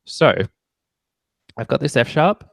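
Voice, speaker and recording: A man's voice: on the high side, lively intonation, slow pace, gravelly, very noisy. A man teaching music theory in a casual one-on-one lesson, chatty and explaining step by step, with playful jokes and self-teasing asides. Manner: chatty explaining with many ums and okays.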